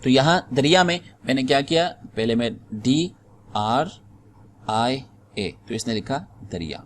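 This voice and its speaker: A man's voice: mid-range voice, lively intonation. A man teaching typing in a screen-recorded tutorial, patiently explaining step by step and spelling out the keys one at a time. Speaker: typing instructor.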